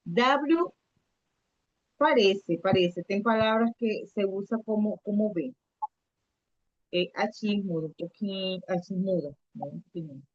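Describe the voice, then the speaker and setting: A woman's voice: medium pitch, slow pace, pauses often, no room sound, muffled recording. A woman teaching a live online Spanish lesson to children, patiently repeating letters and coaxing the kids to answer.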